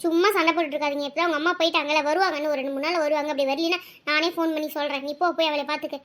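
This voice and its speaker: A motherly village neighbour in a cartoon, voiced by a woman, coaxing and gently scolding to settle a family quarrel. Her voice is extremely high and childlike, and she talks briskly. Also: fairly even intonation.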